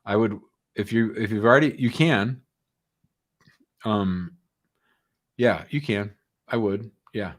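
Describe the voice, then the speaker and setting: Speaking slowly with long pauses, a man with a fairly low pitch hosts a live call-in show on immigration law questions. His answers are short, informal, and reassuring, and the chat stays casual.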